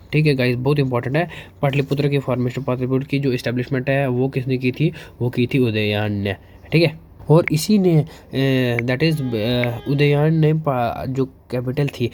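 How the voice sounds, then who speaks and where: A man teaching history for exams, reading English lines slowly, then explaining fast in Hinglish with fillers and questions he answers himself. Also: medium pitch, darkish tone, a little hiss or hum. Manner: keeps asking and answering his own questions. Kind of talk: exam-prep lecture.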